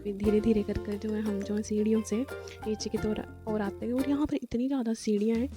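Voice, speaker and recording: A woman's voice: mid-range voice, flat delivery, brisk, over music. A young woman narrating her day out with a friend in a rambling, chatty vlog voice-over, full of fillers. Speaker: vlogger.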